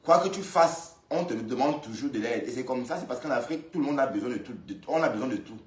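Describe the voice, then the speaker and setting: A man's voice: medium pitch, fast. Echoey male commentator scolding. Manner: lively, scolding and repetitive, addressing her directly. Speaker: commentator reacting to a live video. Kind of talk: casual commentary. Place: indoors, in Brussels. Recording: roomy echo.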